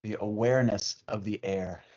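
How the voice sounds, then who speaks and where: A man with a fairly low, warm voice leads a meditation at a calm, unhurried pace, his intonation fairly even. Like a teacher guiding breathing practice, he lets long pauses fall between phrases. The recording sounds dull, muffled, and lo-fi.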